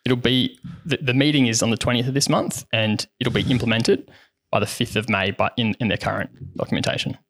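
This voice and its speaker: A man's voice: mid-range voice, steady tone, fairly quick, fairly bright tone. A man, a podcast co-host giving analysis in casual discussion.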